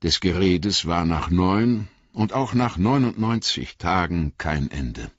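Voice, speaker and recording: Guy narrating an audiobook, calm and measured, slow, lots of pitch movement, muffled dry sound. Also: husky, no echo. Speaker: audiobook reader. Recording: dull lo-fi dry studio recording.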